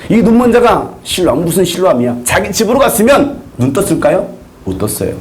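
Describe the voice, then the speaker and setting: Man pastor preaching, high voice, swooping lively pitch, rhetorical questions to the congregation. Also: brisk, slight background noise. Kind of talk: sermon.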